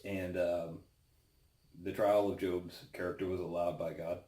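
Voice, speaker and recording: Very low-voiced man, halting devotional talk. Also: flat delivery, warm tone. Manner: halting, pausing often mid-sentence. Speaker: devotional host. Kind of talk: casual devotional talk with Bible reading. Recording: roomy, echoing sound.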